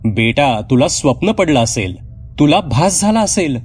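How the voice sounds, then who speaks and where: A man voicing a caring father who gently asks his daughters what happened and reassures them. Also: a little high, very animated, measured pace, soft background music, pitched above the performer's own voice. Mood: concerned.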